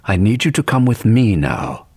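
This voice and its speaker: Man playing guarded brother, low voice, husky, urging. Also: big pitch swings, moderate pace, a little mellow. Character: wary man confronting his mad brother.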